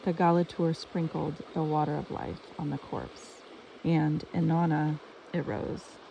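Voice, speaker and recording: Gravelly storyteller by a stream. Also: mid-range voice, flat delivery, dark tone. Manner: slow, measured recitation. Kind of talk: myth retelling. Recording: distant mic with stream noise.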